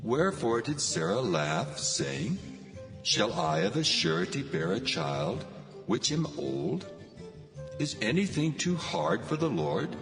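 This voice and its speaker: A man's voice: mid-range voice, huge pitch swings, takes it slowly, creaky, heavily acted. A man voicing God as a grave, majestic, commanding figure in a dramatized scripture reading. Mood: stern promise. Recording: long cavernous reverb, loud music behind. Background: music.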